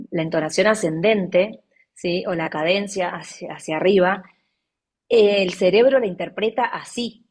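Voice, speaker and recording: Woman, speaking coach, chatty and explaining, repeats stuff for emphasis. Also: lowish voice. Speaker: communication and public speaking coach. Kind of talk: casual conversational interview.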